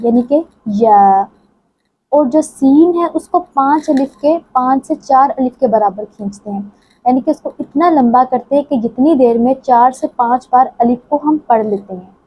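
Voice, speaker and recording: A woman teaching the rules of Quran recitation, explaining briskly and then reciting each verse slowly in a melodic chant. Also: high voice, warm tone, slightly rough, highs cut off. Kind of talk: tajweed lesson with chanted recitation.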